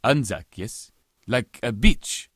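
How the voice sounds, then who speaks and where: A man's voice: mid-range voice, lively intonation, takes it slowly, fairly bright tone, husky, no room sound, clean studio sound, exaggerated voice. An actor playing a stern, proud pirate who speaks stiff, formal English that is not his first language. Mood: scornful. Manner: stiff, formal, non-native English phrasing. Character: proud Somali male pirate, stern and scornful. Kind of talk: audio drama acting.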